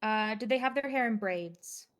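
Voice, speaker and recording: A woman's voice: medium pitch, normal speed, lightly acted. A woman in a live game roleplay, voicing a female officer who questions a witness with many fillers. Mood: methodical. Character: methodical female officer taking a statement. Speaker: police investigator questioning a witness.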